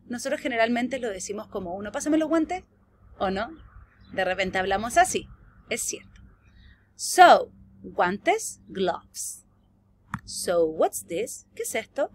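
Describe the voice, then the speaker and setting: A young adult woman with a Chilean Spanish accent teaches an online English lesson to young children, stretching out each model phrase slowly with lively swings in pitch. A little hiss or hum sits in the audio.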